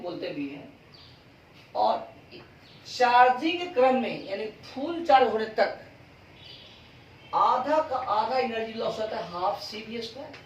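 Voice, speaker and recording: A man teaching physics in a classroom, speaking slowly and pausing over each step. He keeps asking his students questions and then answers them himself. His voice comes from some distance away and echoes around the room, with faint room noise underneath. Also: very high-pitched. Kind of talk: classroom lecture. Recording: roomy classroom sound from a distance.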